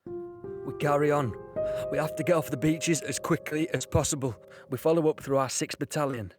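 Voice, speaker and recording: An actor playing a young British infantry soldier in an audio drama, firm and matter-of-fact. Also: male voice, fairly high pitch, steady tone, normal speed, over music, lightly acted.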